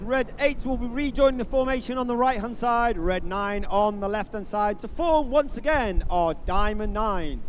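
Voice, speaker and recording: A man giving airshow commentary in an announcer's style, building up each manoeuvre for the spectators. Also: high-pitched. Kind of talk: airshow commentary over a public address. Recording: faint noise outdoors at an airshow.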